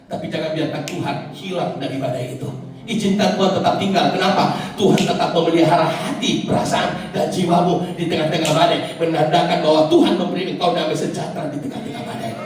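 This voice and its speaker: A man's voice: on the high side, far from the mic. A man preaching a sermon as pastor, telling stories animatedly and acting out the voices in them, with an Indonesian accent, in a large church hall with music behind.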